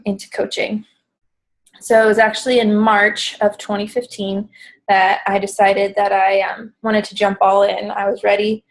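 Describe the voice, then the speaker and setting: A woman's voice: medium pitch, vocal fry, poor audio. A pregnant woman in her thirties, a little out of breath, talking casually with many ums as she leads a pre-recorded team coaching call from home. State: slightly out of breath.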